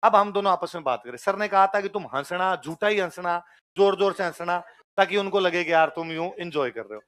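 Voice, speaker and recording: High-voiced Rajasthani male teacher. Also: fairly quick. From Jodhpur, Rajasthan. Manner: animated storyteller acting out quoted voices. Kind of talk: storytelling anecdote in a lecture.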